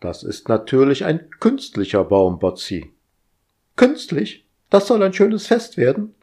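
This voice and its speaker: A man's voice: medium pitch, wildly swooping pitch, unhurried, vocal fry, mellow, breathy edge, pitched above the performer's own voice, full character voice. A man voicing a fussy, literal-minded female household AI who scolds in a prim, pedantic way. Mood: prim scolding.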